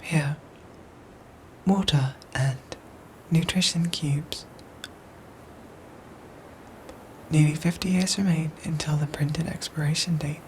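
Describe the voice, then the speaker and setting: Woman acting as female robot soldier, low pitch, soft breathy whisper, measured formal diction, dutiful and gentle, ASMR drama, faint background noise. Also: steady tone, low-quality recording. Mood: gentle, calm. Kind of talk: ASMR roleplay audio drama.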